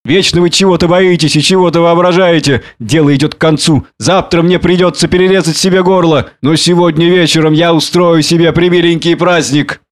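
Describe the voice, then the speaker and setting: A man reading an audiobook, voicing a bitter drunken exiled doctor who rants and shouts in a raised voice. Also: a little high, steady tone, normal speed, pitched above the performer's own voice, lightly acted. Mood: scornful. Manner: ranting, shouting, self-pitying.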